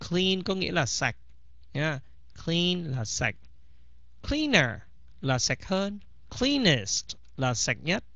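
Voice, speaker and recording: A man's voice: a little high, very animated, takes it slowly, a bit bright, no room sound. A man teaching English vocabulary in a bilingual lesson, repeating each word several times. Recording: slightly dull, dry recording.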